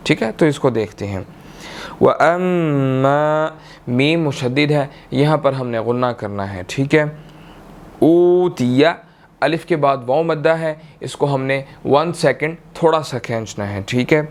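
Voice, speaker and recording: A man with a Pakistani Urdu accent teaching tajweed, chanting verses in long drawn-out tones and then explaining each rule briskly, often checking in with "theek hai". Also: medium pitch, animated. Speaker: Quran recitation teacher. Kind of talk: tajweed lesson, slow chanted recitation then quick explanation.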